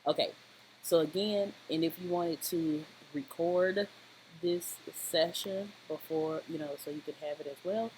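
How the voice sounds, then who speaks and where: This is a casual software tutorial voice-over with clearly noisy home-style sound. The medium-pitched presenter rambles through the steps haltingly, frequently pausing to check in with a short question.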